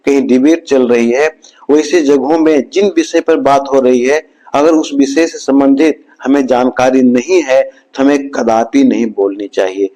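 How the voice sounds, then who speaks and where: A man giving a scripted motivational talk in a slow, measured way, with his voice dropping low at the end of each point. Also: warm tone, low-quality recording. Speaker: motivational speaker.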